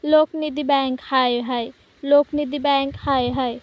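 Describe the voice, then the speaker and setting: Woman retelling as a loud, accusing young woman. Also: high voice, flat delivery, normal speed, lightly acted. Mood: angry. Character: bold young woman staging an angry scene.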